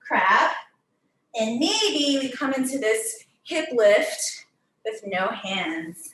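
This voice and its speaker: A young woman leads a workout class, counting down reps and calling each move, a little out of breath between cues. Her voice sits fairly high and unhurried, and she is heard from a distance in an echoey room with a faint hum of ambience behind her. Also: expressive, a bit bright. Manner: counts down and calls out moves. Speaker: fitness instructor. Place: gym studio.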